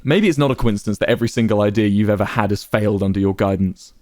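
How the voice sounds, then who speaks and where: A man's voice: on the low side, fast talker, darkish tone, dry recording, clean studio sound, lightly acted. A man voicing a proud, volatile young man who stammers and turns bitter. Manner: stammering, strained.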